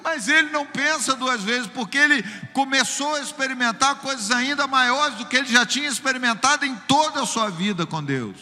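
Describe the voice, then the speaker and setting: A high-pitched Brazilian man preaches a sermon and tells lively, humorous stories. He keeps calling his listeners brother. His voice rings through a reverberant church hall with faint music behind. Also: fairly quick, hardly any pauses. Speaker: pastor.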